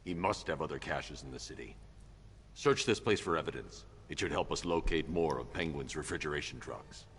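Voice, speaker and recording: A man's voice: very deep voice, moderate pace, a bit bright. A man playing a grim, brooding caped vigilante hero who gives terse, commanding orders, heard in game audio. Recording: game audio with hall reverb and faint noise.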